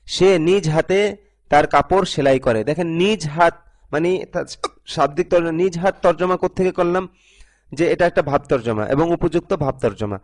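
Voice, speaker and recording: A man giving a recorded Arabic grammar lesson, reading example sentences, translating and explaining them step by step, sometimes correcting himself. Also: a little high. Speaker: Arabic teacher.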